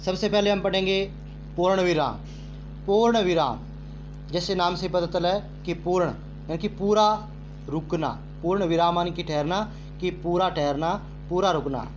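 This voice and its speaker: A man teaching a grammar lesson to children, speaking slowly and repeating phrases for emphasis. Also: sits high, a little hiss or hum. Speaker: Hindi teacher.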